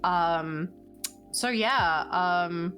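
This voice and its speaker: A woman's voice: on the low side, drawn-out words, fairly bright tone, faint music behind. A woman in her late twenties, a streamer, chatting casually and thinking aloud with lots of fillers. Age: 20s. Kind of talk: casual chat.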